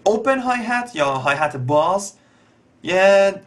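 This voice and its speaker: A young man with an Iranian Persian accent gives a casual beatbox lesson, explaining each step slowly with many pauses and fillers. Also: on the high side, animated, a bit bright. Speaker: beatbox teacher. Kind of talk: casual spoken tutorial.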